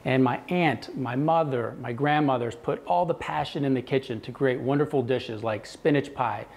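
A man's voice: mid-range voice, normal speed, darkish tone. A man in his thirties, a company executive, speaking earnestly in an interview on a lapel mic in a kitchen showroom.

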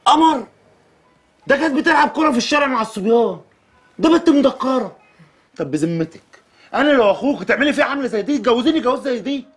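A man's voice: very high-pitched, lively intonation, fast talker, breathy edge, full character voice. An actor playing a working-class Egyptian husband with an Egyptian accent, joking and coaxing his upset wife. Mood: teasing. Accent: Egyptian Arabic. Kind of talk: TV drama acting.

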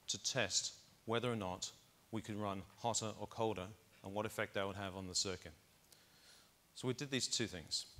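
A middle-aged man speaks from a big conference stage through a lapel mic. His voice sits on the low side, and he explains his test results patiently, point by point. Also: fairly bright tone. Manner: explanatory, walks through data step by step. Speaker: keynote speaker. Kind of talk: conference keynote presentation.

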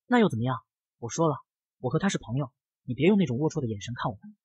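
A man's voice: medium pitch, lively intonation, racing, a little mellow, breathy edge, no echo, lo-fi sound. A man doing a snappy spoiled young rich guy. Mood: irritable. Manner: irritable, snappy. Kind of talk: comic narration.

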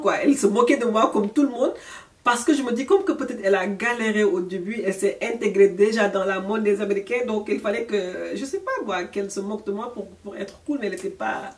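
Her voice a little high and far from the mic, a young Senegalese woman shares a story in a candid vlog. French is her first language, yet she slips English words in and laughs frequently, with the camera framing her chest-up.

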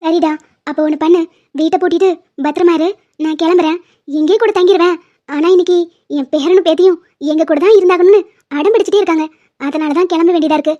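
Woman doing a doting old grandmother, high-pitched. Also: steady tone, quick pace, pauses often. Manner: warm, doting, affectionate. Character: kindly elderly grandmother, doting housekeeper. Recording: dull lo-fi sound.

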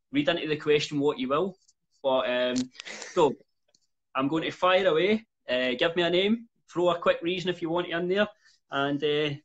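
A man's voice: on the high side, fairly bright tone. A young man interviewing a fighter over a video call, easygoing and laughing along. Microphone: video call with earphones. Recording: dull lo-fi call audio.

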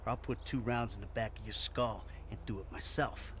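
A man's voice: lowish voice, fairly even intonation, extremely slow, fairly bright tone, slight background noise. An actor playing a menacing middle-aged man who threatens a driver at gunpoint, in a cold, controlled, threatening way in a video game cutscene.

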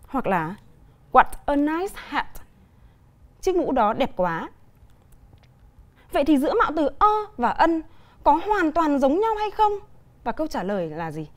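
Vietnamese-accented woman teacher, bright high register, patient televised lesson delivery. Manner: clear, deliberate explaining with examples. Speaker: English teacher.

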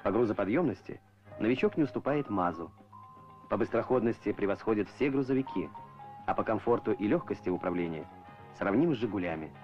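A man narrating a scripted documentary as an old Soviet newsreel narrator, in a measured, formal announcer style. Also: on the low side, expressive. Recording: muffled old film soundtrack with music.

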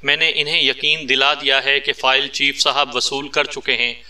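A man's voice: medium pitch, little pitch movement, moderate pace, bright, forceful tone. A man voicing a joking, witty male secret agent in a read-aloud story, with a playful, teasing manner. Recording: distant mic.

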